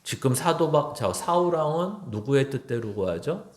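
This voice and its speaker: A man's voice: mid-range voice, lively intonation, moderate pace, darkish tone. A male pastor preaching a sermon to his congregation, often slipping into blunt, informal direct address. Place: church sanctuary. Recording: echoey church hall.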